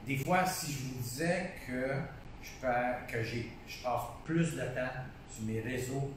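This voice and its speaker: In a relaxed interview, a painter with a Québécois French accent discusses his art enthusiastically, often circling back on his phrases and starting over. He speaks at a measured pace in a medium pitch. The room is very echoey, he seems far from the microphone, and a faint hiss runs beneath his voice.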